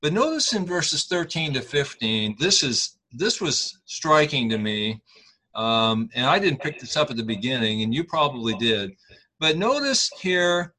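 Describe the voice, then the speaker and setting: A middle-aged man leading a Bible study, explaining a passage slowly with many fillers and restarts. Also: a little high, sharp tone, poor audio.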